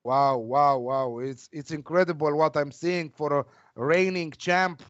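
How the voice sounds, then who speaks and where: A man giving casual football betting predictions in a hesitant, halting way, repeating words as he goes. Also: on the high side, steady tone, dry recording, lo-fi sound.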